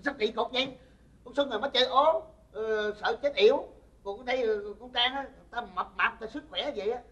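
A performer playing an exasperated adult son in a comedy sketch, who teases and argues with his mother, using quick comebacks in a Southern Vietnamese accent. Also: mid-range voice, sharp tone, highs cut off, lightly acted. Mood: arguing. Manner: teasing, arguing, quick comebacks.

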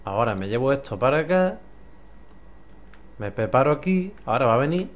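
A young man with an accent from Spain, commentating a puzzle game as he plays, muttering, swearing and now and then yelling in frustration. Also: mid-range voice, big pitch swings, brisk. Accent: Spanish from Spain. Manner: swears a lot, mutters to himself, bursts into frustrated yells. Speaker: gameplay commentator. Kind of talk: let's play commentary.

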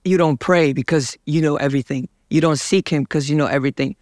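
This young man, an evangelist being interviewed about faith, talks quickly in a voice on the high side with a darkish tone. Sitting on a dark studio set, he gestures and preaches fervently, and the recording is dry.

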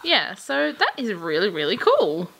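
A woman hosts a laid-back toy review, giggling easily between explanations. Her voice is bright and sharp. She walks through the instructions one step at a time. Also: medium pitch, huge pitch swings, measured pace, creaky, a little hiss or hum. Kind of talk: casual unboxing chat.

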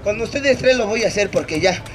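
A man's voice: sits high, expressive, brisk. A man with a Mexican Spanish accent performing street comedy, teasing and roasting the crowd with crude slang. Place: outdoors in a city plaza. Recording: loud crowd noise outdoors. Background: large crowd laughing.

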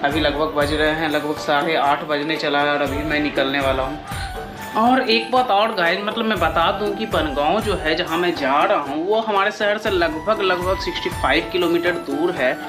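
A man's voice: fairly high pitch, normal speed, music in the background. A young man from West Bengal, India, riding a motorbike outdoors and narrating a casual moto vlog in a chatty way, calling his viewers guys and brother. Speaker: motovlogger.

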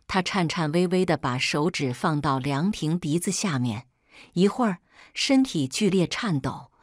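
A woman narrating a first-person story in a steady, low-key scripted way. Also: a little slow, dry recording, clean studio sound.

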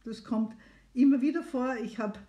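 A woman's voice: fairly high pitch, moderate pace, dark tone, dull audio. A middle-aged woman doctor, hosting a live phone consultation stream in a chatty, encouraging way. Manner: chatty and encouraging, inviting viewers to call. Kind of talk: casual live stream talk.

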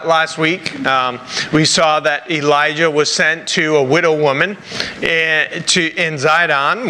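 Male pastor, Rhode Island accent, preaching with halting deliberate phrasing, bright forceful tone, slightly high voice, in an echoey church. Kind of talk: sermon with scripture reading. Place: large church sanctuary, at a pulpit. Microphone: lapel mic. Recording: echoey church hall with background noise.

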